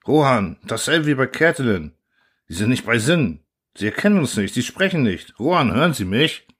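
A man's voice: mid-range voice, lively intonation, moderate pace, fairly bright tone, pitched above the performer's own voice. A man voicing a shaken male expedition officer reporting over the radio, breathless and agitated.

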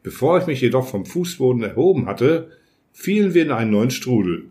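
A man narrating a science fiction audiobook in a measured storytelling manner. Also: medium pitch, big pitch swings, warm tone. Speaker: audiobook reader.

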